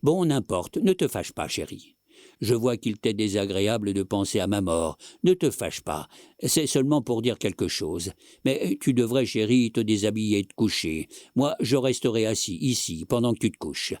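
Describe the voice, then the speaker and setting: Give me a man doing an anxious old husband in a storybook reading, rambling and coughing, low and dry. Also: lively intonation, normal speed, darkish tone, no echo, natural voice. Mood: fretful. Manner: coughing fits, fretful chatter.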